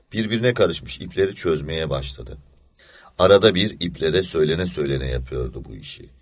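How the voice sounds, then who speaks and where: A man reading an audiobook story aloud in a measured, low-key storytelling manner. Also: breathy edge, no room sound. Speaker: narrator.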